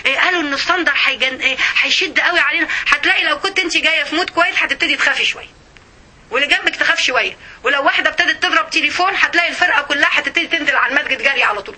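A woman with an Egyptian Arabic accent giving an emotional religious lesson to women, often pausing to check that her listeners follow. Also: high-pitched, pushed and bright. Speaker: religious teacher.

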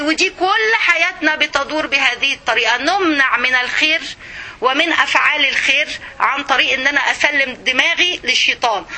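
A middle-aged woman with an Egyptian accent giving an informal religious lesson, lively and conversational, speaking straight to her listeners. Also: sits high. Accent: Egyptian Arabic. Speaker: religious teacher.

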